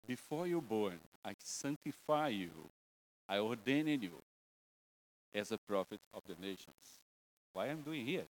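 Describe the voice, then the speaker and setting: In a church, a Brazilian man preaches an informal English sermon in a Brazilian Portuguese accent. His phrasing is broken and his manner joking and self-deprecating. His voice sits fairly low, and the recording is rough.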